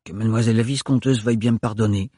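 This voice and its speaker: A man's voice: lowish voice, fairly even intonation, fairly quick, darkish tone, breathy edge, dry recording, studio quality. A man doing a stiff formal butler. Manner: formal, deferential. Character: stiff, formal male butler, polite and distant.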